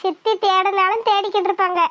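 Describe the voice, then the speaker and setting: A woman voicing a meek, patient young village woman in a cartoon, who speaks softly and quietly. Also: very high-pitched, level tone, fast. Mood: resigned. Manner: soft, resigned, quiet. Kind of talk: cartoon voice acting.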